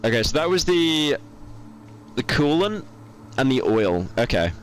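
A man's voice: mid-range voice, sing-song, measured pace. A young man streaming a game, panicking, swearing and repeating words as he plays. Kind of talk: live gameplay commentary. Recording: game music behind voice.

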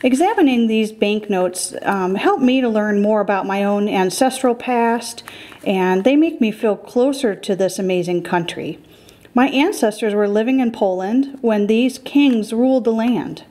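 A woman's voice: medium pitch, measured pace, mellow. A middle-aged woman hosting a currency collecting show, giving careful scripted educational narration.

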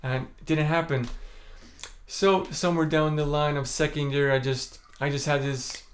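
This young adult vlogger, born in Estonia, speaks in a fairly high pitch to a camera framing him at the chest in a small room. He's soft-spoken and calm, candidly recounting his story at an easy pace with plenty of "like" and "you know."

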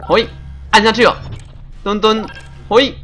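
A man streaming a puzzle game live, chatty and excitable, laughing often and making little sound-effect noises as he plays. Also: high-pitched, unhurried, faint music behind. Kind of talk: live gameplay commentary.

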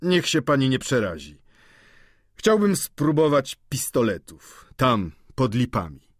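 A man reading the part of a sly, cynical middle-aged schemer who talks with slow mockery. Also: medium pitch, big pitch swings, no echo, studio quality, pitched above the performer's own voice. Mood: mocking. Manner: mocking, slow and deliberate.

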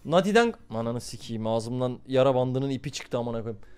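A man's voice: medium pitch, expressive, moderate pace, a little mellow, clear, resonant tone. A young man streaming a game live, swearing constantly and talking to his chat. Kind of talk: live gameplay commentary.

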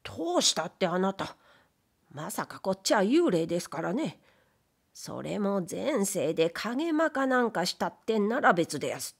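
For an audiobook of historical fiction, a woman gives voice to a humble, timid male ghost, once a wastepaper dealer, in polite, plaintive old Edo commoner speech, sounding aggrieved. Her mid-range voice is sing-song, creaky, slightly rough and exaggerated, at normal speed.

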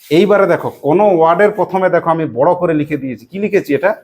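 A woman teacher with a West Bengal Bengali accent leads a classroom lesson in call-and-response style. Her voice sits a little low, and she asks each question again and again, patiently coaxing her pupils to answer. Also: rapid-fire, a little mellow. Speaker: primary school English teacher.

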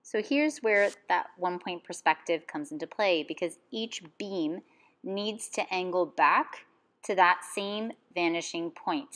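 Calm, low-voiced woman teaching drawing. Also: a little slow. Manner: calm step-by-step instruction. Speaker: art teacher. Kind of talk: drawing lesson voice-over.

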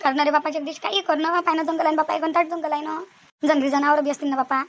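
A fretful old village mother-in-law in a cartoon, griping and suspicious. Her voice sits high and the words tumble out at a breakneck clip. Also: flat delivery. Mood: worried. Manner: complaining, suspicious, rapid chatter. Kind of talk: cartoon voice acting.

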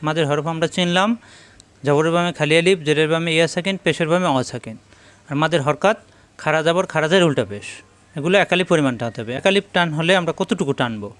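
A man with a Bangladeshi Bengali accent teaching Quran recitation rules step by step, patiently drilling syllables by repeating them slowly. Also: fairly high pitch, fairly bright tone, clean tone. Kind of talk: step-by-step tajweed lesson.

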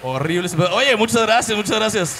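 A young man from Monterrey with a northern Mexican accent speaks quickly in a high, animated, slightly bright voice. He performs a profane stand-up set built on stories, acting out different voices.

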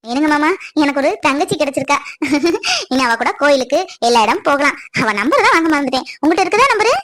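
A woman's voice: sits high, lively intonation, fast, fairly bright tone. A woman playing a friendly, trusting neighbour wife who chats cheerfully with her husband. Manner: cheerful, chatty. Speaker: actor.

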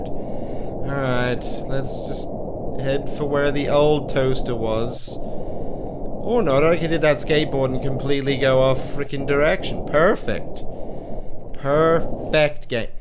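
A man giving let's play commentary, exasperated and swearing as he yells at the game he is playing. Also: mid-range voice, noisy background. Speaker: gaming channel host.

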